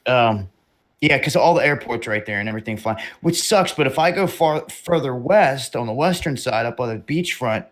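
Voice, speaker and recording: Male live-stream host, casual and opinionated, mid-pitched, rambling delivery. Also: animated, normal speed. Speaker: livestream host.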